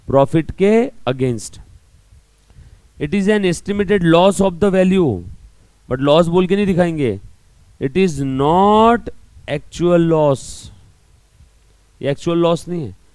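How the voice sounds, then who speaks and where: A man's voice: on the high side, a little mellow, no echo. A male accounting teacher giving a classroom lecture, explaining through everyday analogies and constantly checking whether students follow. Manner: keeps checking understanding with questions to students. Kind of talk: classroom lecture mixing Hindi and English.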